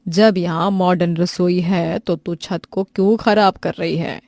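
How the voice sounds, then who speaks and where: A woman voicing a strict middle-aged mother-in-law who lectures her daughter-in-law in a firm, slow way, heard from a little off the mic. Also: fairly low pitch, steady tone, gravelly, darkish tone, no echo, studio quality. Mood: scolding.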